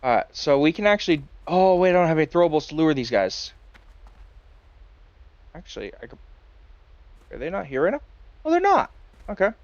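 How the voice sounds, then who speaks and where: A man's voice: on the high side, very animated, fairly quick, pauses often, a little mellow, dry recording, highs cut off. A man streaming a game, chatting casually and rambling with lots of fillers and chuckles. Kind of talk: casual live-stream chat while playing.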